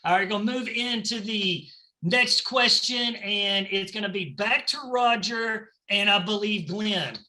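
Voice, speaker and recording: Southern male game-show host; bright, high, playful banter. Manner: playful, chatty, quick banter. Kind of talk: upbeat game-show hosting.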